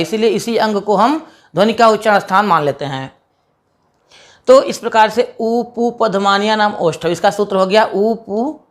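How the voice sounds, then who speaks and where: A woman teaching a grammar lesson in a patient way. She sounds out each letter slowly, then asks a question and answers it herself. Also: mid-range voice. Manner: patient, demonstrates sounds aloud one by one.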